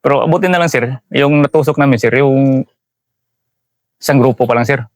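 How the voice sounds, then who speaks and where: Man, Filipino soldier, recounting combat, deferential "sir" after phrases, middle pitch, dry close sound. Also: brisk, no room sound. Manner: respectful, says "sir" after nearly every phrase. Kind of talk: interview storytelling.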